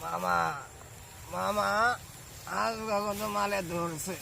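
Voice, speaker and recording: Guy doing a clueless drunk sidekick, bangladeshi accent, kinda high voice, pleading and rambling, slight noise behind. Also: fairly even intonation, slow pace, vocal fry, pushed and bright, full character voice. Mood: drunk, bewildered. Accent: Bangladeshi Bengali. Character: bewildered, deferential drunk sidekick lost in heaven. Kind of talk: amateur comedy skit.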